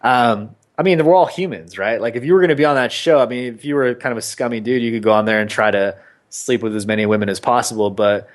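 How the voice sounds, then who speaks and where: A man's voice: medium pitch, fast talker. A man co-hosting a podcast in casual chat, rambling along with lots of "man" and "dude.". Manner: laid-back, rambling, says "man" and "dude" a lot. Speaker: podcast co-host.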